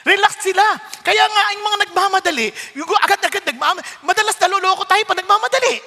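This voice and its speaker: A man from the Philippines, a pastor preaching a sermon, switching between Tagalog and English with animated, humorous storytelling. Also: extremely high pitch, fast, gravelly, in a large hall.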